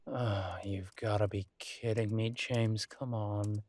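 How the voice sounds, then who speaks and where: A man's voice: on the low side, fairly even intonation, takes it slowly, darkish tone, no echo. Man playing a muted, weary, wry thief. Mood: weary, exasperated. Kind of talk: audio role-play acting.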